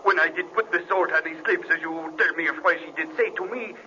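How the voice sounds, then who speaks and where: An actor playing an anxious, polite French co-pilot with a French accent in an old radio horror drama. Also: male voice, on the high side, brisk, sharp tone. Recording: noisy muffled old radio recording.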